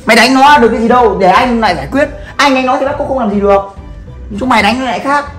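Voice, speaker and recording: A man's voice: extremely high pitch, racing, a bit bright, recorded from a distance. A man playing an older brother figure who bluntly tells the group to hold back, swearing and pleading in a staged comedy sketch. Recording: echoey room with faint music.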